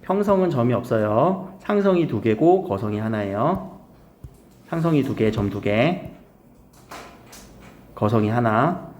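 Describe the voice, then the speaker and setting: Male grammar teacher, casual, keeps quizzing the class, animated pitch, roomy echo. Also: slight background noise. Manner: casual, quizzing students with quick questions. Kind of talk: recorded lecture to high school students. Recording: echoey room.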